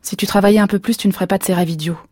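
A man's voice: sits high, steady tone, rapid-fire, a little mellow, no room sound, clean studio sound. A woman reading aloud, voicing a curt and scornful Martian husband. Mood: impatient. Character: impatient dismissive Martian husband.

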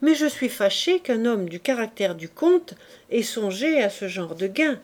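A woman's voice: on the high side, very animated, unhurried, darkish tone. Woman reading an anxious, emotional princess. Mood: troubled. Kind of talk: audiobook reading.

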